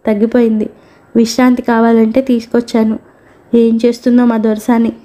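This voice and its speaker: A woman's voice: a little high, flat delivery, normal speed, warm tone, natural voice. A woman voicing an affectionate young husband in a read-aloud story, teasing his wife in plain lines.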